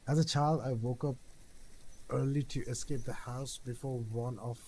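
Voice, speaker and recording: A man with a mellow, dark voice reads game text aloud in a casual way. He trips over longer words, repeats them and starts again. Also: mid-range voice, steady tone, normal speed, slight background noise. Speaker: streamer reading a story game aloud.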